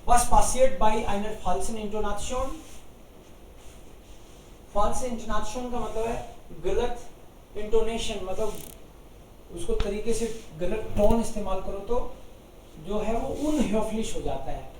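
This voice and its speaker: Slow, high-voiced man teaching German. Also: darkish tone, recorded from a distance, slight background noise. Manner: slow, explains each German sentence in Hindi. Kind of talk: bilingual language lesson, explaining in Hindi. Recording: echoey room, voice from off-mic.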